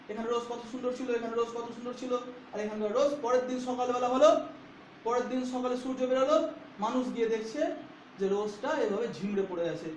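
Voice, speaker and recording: A man's voice: very high-pitched, a little mellow, echoey room, slight background noise. A man teaching a poetry lesson to students, repeating himself and often checking that they follow. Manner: repetitive, checks understanding with questions.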